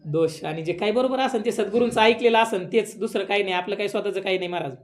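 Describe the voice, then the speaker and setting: Village preacher telling a parable. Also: male voice, high voice, fast. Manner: conversational, rising into emphatic questions. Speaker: kirtan preacher. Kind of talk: devotional sermon with storytelling.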